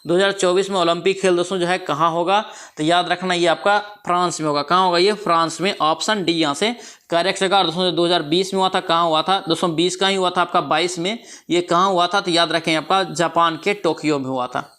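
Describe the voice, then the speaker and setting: Speaking high, brisk and steady, with a pushed, bright, clean tone, a Bihari-accented exam prep teacher works through quiz answers despite a sore throat from a cold. He turns each answer back into a question as he goes.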